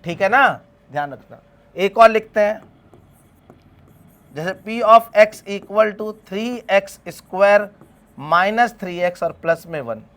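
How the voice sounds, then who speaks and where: A man's voice: high-pitched, animated, extremely slow, a bit bright. A man teaching a math class, asking his students questions and then answering them himself. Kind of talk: classroom lecture.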